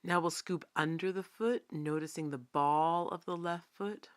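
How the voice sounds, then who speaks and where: This is a meditation teacher, a woman with a voice on the low side, leading a body scan. Her manner is calm and unhurried, her instructions are gentle, and she lets long pauses hang between them.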